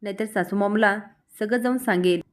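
A woman's voice: medium pitch, brisk, lightly acted. A woman voicing a spoiled, scheming young woman who scolds and taunts. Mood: angry taunting.

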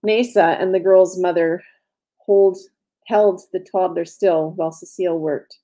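Lady author reading her story out loud, steady, low warm voice. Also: unhurried.

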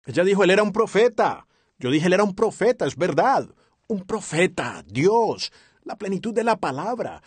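Brief: man interpreter for a sermon dub, husky, earnest, lively intonation; dry studio voice-over. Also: high voice, normal speed, dry recording. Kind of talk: dubbed sermon translation.

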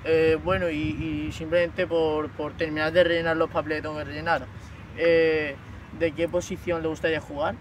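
Teen prank caller posing as an official. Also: male voice, on the high side, flat delivery, normal speed, distant mic, slight background noise. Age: teens. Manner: formal official tone, hesitant fillers. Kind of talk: prank phone call. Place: outdoor park bench. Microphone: phone on speaker, far camera.

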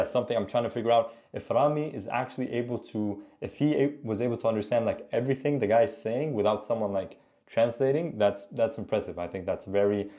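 A man's voice: mid-range voice, mellow. A man in his thirties giving casual reaction commentary and language tips in a conversational, explanatory way. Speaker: host, Arabic teacher. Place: small indoor room.

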